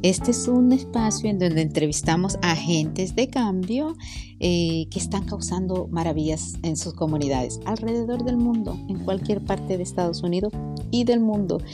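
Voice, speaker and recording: A woman's voice: lowish voice, moderate pace. Lady host doing an interview intro, upbeat, guitar music under her voice. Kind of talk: podcast interview.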